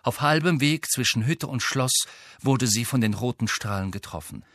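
A man reading a novel aloud with steady, even storytelling. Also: medium pitch, normal speed, no echo, studio quality. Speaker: audiobook narrator. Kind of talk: scripted narration.

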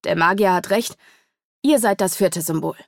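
Earnest fantasy advisor, read by a woman, gravelly voice, close and dry. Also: fairly low pitch, normal speed, dry recording.

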